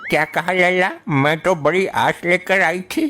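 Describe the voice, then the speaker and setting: A man's voice: high-pitched, steady tone, measured pace, noisy background. A man voicing a fussy, nosy elderly village aunt in a dubbed cartoon. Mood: curious. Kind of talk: cartoon dubbing. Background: background music.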